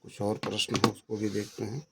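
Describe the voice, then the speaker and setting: A man teaching as an exam coach, who reads out each question's options, names the answer, and repeats words slowly to drill their correct spelling. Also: on the low side, flat delivery, heavy background noise. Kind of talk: exam question review lesson.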